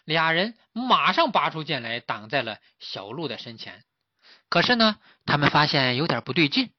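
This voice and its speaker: A man narrating a children's adventure story, his pitch swinging widely as he acts out the action. The recording is dry and close, with a slightly dull, muffled tone. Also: moderate pace, no echo. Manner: lively, animated storytelling.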